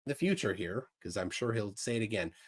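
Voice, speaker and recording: A man giving conversational commentary on a debate in a played clip, measured in tone. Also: lowish voice, lively intonation.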